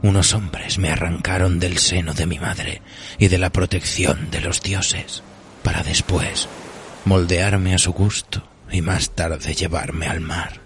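A man's voice: low-pitched, steady tone, a little hiss or hum. A man voicing an ancient weary cursed sea treasure. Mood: brooding. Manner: slow, solemn, at times hushed to a whisper. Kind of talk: recited dark poem. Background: music.

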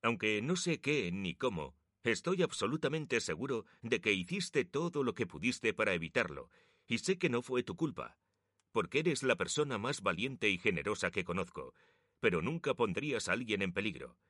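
A man voicing a frail old father who gently consoles his son, with a lively, low voice. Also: moderate pace, no echo, studio quality. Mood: tender.

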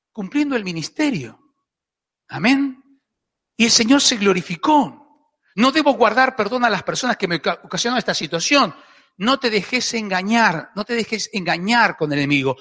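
High, bright Argentine preacher in a hall. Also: male voice. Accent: Argentine Spanish. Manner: emphatic preaching with frequent rhetorical "¿eh?" and repetitions. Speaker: pastor. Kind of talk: sermon. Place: church hall. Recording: echoey church hall.

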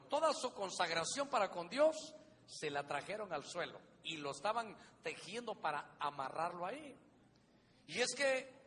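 A man's voice: high-pitched, bright, forceful tone. A man preaching a sermon as a pastor, emphatic and addressing the congregation as brother, acting out voices in his stories. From Honduras. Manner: emphatic preaching, often says "hermano", acts out voices in stories. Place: church hall. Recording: live church recording with long reverb and faint hum.

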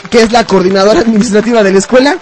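A man's voice: high-pitched, rapid-fire, darkish tone, slight background noise. A young man, hosting a casual radio show, teasing and laughing often. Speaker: radio host.

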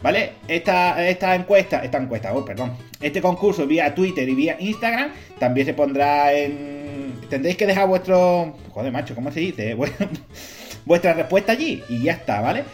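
A man's voice: a little high, expressive, normal speed. A man with a Castilian Spanish accent hosting a podcast in a casual, rambling, jokey way, swearing freely. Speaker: podcast host. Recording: music playing behind the voice. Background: background music.

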